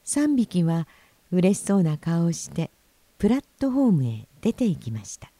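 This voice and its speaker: A woman hosting and narrating a children's story in a gentle, expressive reading voice on a close mic. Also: on the low side, moderate pace, dry recording. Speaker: host and narrator.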